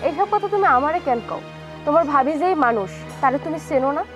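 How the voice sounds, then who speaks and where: A woman's voice: high-pitched, expressive, fast. An actress playing a young wife who complains about her sister-in-law, with a colloquial Bangladeshi Bengali accent. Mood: complaining. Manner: complaining, then placating. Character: young wife urging her husband to calm down. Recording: with faint background music.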